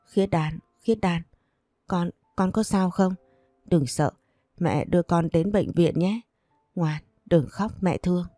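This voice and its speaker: A woman's voice: fairly low pitch, takes it slowly, warm tone, no echo, studio quality, soft background music. A woman voicing a desperate young mother in a storybook reading, pleading and tearful. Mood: soothing.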